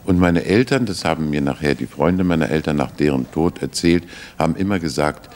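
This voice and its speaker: A very low-voiced older man tells his life story at an easy pace. He is thoughtful and anecdotal, and he often restarts a phrase as he remembers. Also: fairly quick, darkish tone. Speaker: interview guest, actor. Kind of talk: relaxed reminiscing interview.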